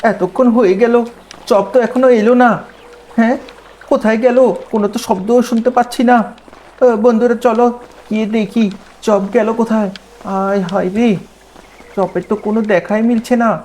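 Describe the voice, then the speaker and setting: A man's voice: extremely high pitch, moderate pace, long pauses. A man doing a cheeky little cartoon boy, Shinchan. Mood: mischievous. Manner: childish, excitable, calls out repeatedly. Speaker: gameplay creator. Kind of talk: playful in-game role-play commentary.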